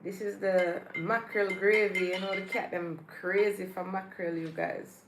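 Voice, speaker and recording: A woman's voice: mid-range voice, fairly even intonation, moderate pace, reverberant, background noise. A woman hosting a casual morning livestream, chatting with viewers and talking affectionately to her cat. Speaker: livestream host. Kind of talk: casual morning live chat.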